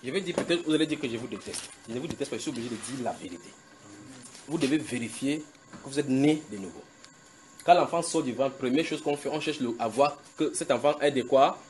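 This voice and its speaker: A man's voice: mid-range voice, a little mellow, a little hiss or hum. Emphatic male preacher, call-and-response. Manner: emphatic, repeats scripture slowly with call-and-response tags to the congregation. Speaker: pastor. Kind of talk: sermon. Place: house church gathering.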